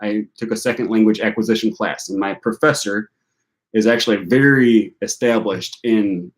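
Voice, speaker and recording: A young American man with a northern US accent and a lowish voice hosts a language-learning channel, speaking at a moderate pace. He answers viewer questions in a rambling, self-correcting way with many fillers.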